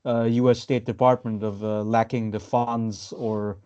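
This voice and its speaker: Halting man with a dark, dull voice. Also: lowish voice, level tone. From Austria. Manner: hesitant, many fillers and restarts. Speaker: podcast host. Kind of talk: casual political discussion. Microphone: video call. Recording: dull lo-fi video call audio.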